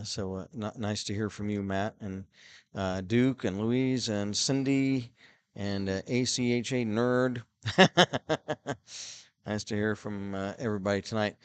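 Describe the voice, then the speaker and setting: A middle-aged man fills time on a hockey broadcast with casual play-by-play chatter, rambling through lots of fillers while reading viewer messages. His voice is smooth and on the low side, with no room sound.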